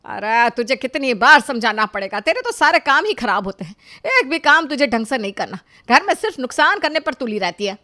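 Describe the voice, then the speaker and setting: Bossy older mother-in-law, loud and harsh when she scolds, voiced by a woman, a bit high, storybook cartoon. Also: expressive, normal speed, dry recording, studio quality. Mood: scolding.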